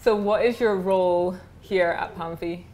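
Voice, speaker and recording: A woman's voice: fairly low pitch, unhurried, noisy background. A woman vlogger asking curious, friendly questions in a casual interview. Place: indoor apartment. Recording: echoey room.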